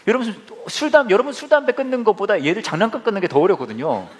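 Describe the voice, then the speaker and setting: A man's voice: high-pitched, expressive, fast talker. A man in his forties preaching a sermon, telling humorous family stories and speaking directly to the congregation. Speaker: pastor.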